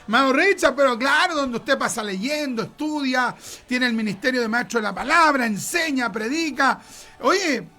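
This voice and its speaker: A middle-aged Chilean man preaches a sermon in an extremely high-pitched, sharp voice with a Chilean Spanish accent. He is emphatic, repeats words for stress, and acts out conversations.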